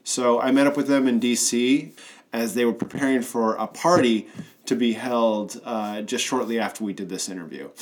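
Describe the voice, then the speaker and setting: A man's voice: mid-range voice, moderate pace, slight background noise. A man hosting his own podcast, introducing an interview and asking questions in a casual way full of fillers. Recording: music bed under the intro.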